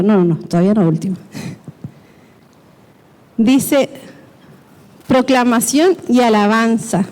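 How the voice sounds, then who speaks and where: A woman's voice: on the high side, a little mellow. A woman preacher, giving a sermon and explaining step by step, often checking in with the congregation. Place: church hall. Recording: long hall reverb.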